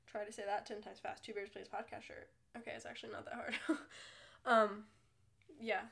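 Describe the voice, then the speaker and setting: A young woman with a cold hosts a casual solo podcast, sounding congested as she rambles and jokes at her own expense. Her mid-range voice is creaky and fairly bright with a breathy edge, kept to a level tone at normal speed.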